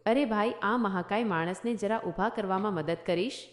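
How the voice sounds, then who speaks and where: A woman's voice: mid-range voice, moderate pace, natural voice. Woman voicing a wisecracking young husband, teasing, storybook tale, echoey room. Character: joking young husband, newly moved in.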